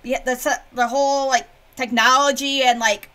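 Bright, cute anime-streamer woman reacting casually. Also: high-pitched, little pitch movement, normal speed. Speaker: VTuber streamer reacting to a video.

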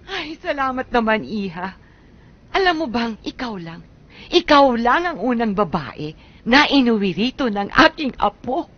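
An elderly grandmother, gentle and delighted to meet a guest. Her voice is high and rises and falls a lot. The film audio is muffled. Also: big pitch swings, a little slow. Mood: pleased. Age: older. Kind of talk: film drama acting.

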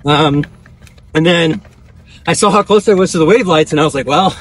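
A man in his twenties chatting casually in breathy short phrases as he runs outdoors while being interviewed. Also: fairly high pitch, normal speed. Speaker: professional distance runner being interviewed. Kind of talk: casual chat while running. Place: outdoors on a dirt country road, on the move.

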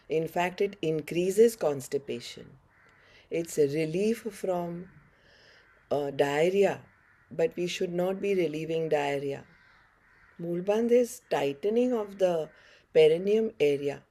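A middle-aged woman with a North Indian accent teaches a guided online yoga class in short, encouraging instructions. Her voice is on the low side and dark, with lively intonation and a slow pace, and she faces the camera in a head-and-shoulders webcam frame.

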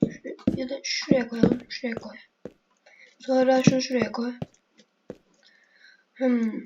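A woman's voice: a little high, little pitch movement, slow, highs cut off. A woman giving casual gameplay commentary, chatting to herself and her viewers with sudden exasperated outbursts, in a noisy home recording. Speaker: gaming video creator.

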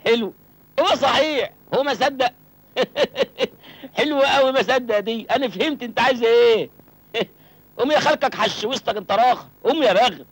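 A man's voice: very high voice, moderate pace, breathy edge, full character voice. An actor playing a naive, hungry young man from a village who jokes cheekily, speaking with an Egyptian accent. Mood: mocking. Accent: Egyptian Arabic. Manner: joking, cheeky retorts. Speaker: film actor. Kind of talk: comic film acting.

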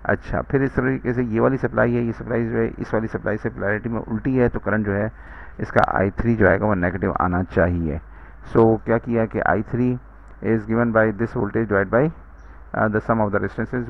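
In a recorded university lecture, a man with a fairly low, creaky voice walks students through a circuit problem, addressing them directly. He uses many "uh" fillers and switches into English at times. The recording sounds dull and lo-fi.

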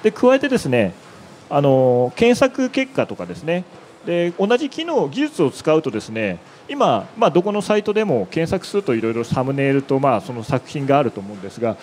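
A man's voice: a little high, sing-song, a little fast, a little mellow, slight background noise. A man presenting a web demo on an exhibition stage into a handheld mic, explaining step by step with many filler words. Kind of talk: conference presentation.

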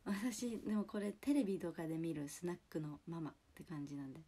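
A young woman in her twenties with a Toyama accent and a husky, lowered voice, chatting and apologizing on a casual livestream. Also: lively intonation, fairly quick, warm tone. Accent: Toyama dialect. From Toyama, Japan. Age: 20s. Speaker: idol livestreamer.

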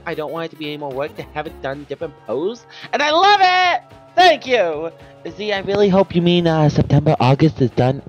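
A woman voicing an excitable young woman artist in a fan voice-over of chat messages, giggly and gushing. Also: on the high side, natural voice. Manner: giggly, gushing, bursts into squeals.

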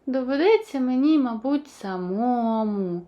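Жінка озвучує сміливого, нетерплячого маленького динозаврика-хлопчика з книжки-казки, говорить захоплено й вигуками. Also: female voice, on the high side, a little slow, dull audio. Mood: excited. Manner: excited, exclaiming. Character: eager brave little boy dinosaur.

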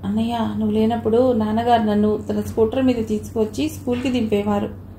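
Storybook: a woman reading a sweet schoolgirl, affectionate, higher pitch, roomy echo. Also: level tone, fast talker, warm tone, slight background noise, close to an everyday voice. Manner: affectionate, explaining.

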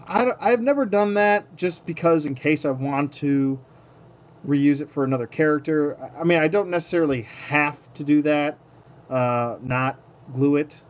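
This toy collector hosts a casual, hands-on hobby tutorial at an indoor tabletop setup, sometimes murmuring to himself as his hands work. His voice is fairly high and his pace moderate, and the room ambience is clearly noisy.

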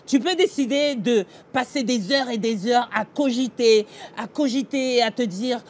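A middle-aged pastor with a very high-pitched voice offers an earnest devotional meditation and prayer, talking a little slowly and directly to the listener with emphatic gestures. He faces a fixed camera in a mid-shot in a small indoor room, with a little hiss or hum audible.

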